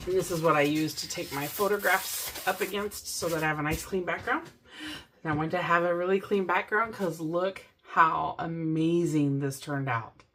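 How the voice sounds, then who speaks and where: A middle-aged woman hosting a casual DIY crafting vlog from a home craft room, gushing and excited as she talks to her viewers. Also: low voice, breathy edge. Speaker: crafting channel host.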